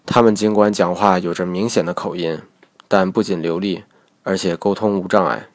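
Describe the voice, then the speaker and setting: A man with a very low voice narrates a recorded language lesson. He explains each point step by step in a measured, methodical way. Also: steady tone. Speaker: English pronunciation teacher.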